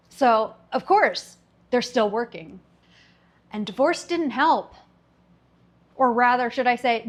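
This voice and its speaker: A woman in her fifties hosting a commentary video, talking in a wry, sarcastic way and laughing between her jokes. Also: a little high. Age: 50s. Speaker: video host. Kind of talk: scripted commentary monologue.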